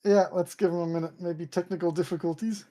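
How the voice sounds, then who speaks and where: Woman, slightly low pitch, stuffy nose from hay fever, casual voice-chat guest, orderly, lots of ums. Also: steady tone, a little fast, dark tone. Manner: organized, lays out points, frequent ums. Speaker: guest developer. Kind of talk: casual online call.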